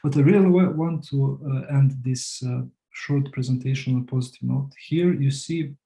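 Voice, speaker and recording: A tired man from Serbia giving an academic presentation, halting with many restarts and fillers, and low on energy. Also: creaky, warm tone, rough recording. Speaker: guest speaker.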